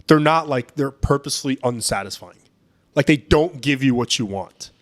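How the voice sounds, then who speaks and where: A man's voice: medium pitch, animated, normal speed. A young adult man guesting on a podcast, rambling in casual chat, full of "like" and "you know what I mean", with some swearing.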